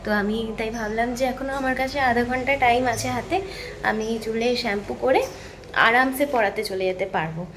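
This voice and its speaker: A young woman talks through her plans in a rambling vlog monologue, often pausing on fillers. Her voice is a little high. A faint hum of the room sits behind her. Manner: rambling, thinks aloud with fillers. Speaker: vlogger.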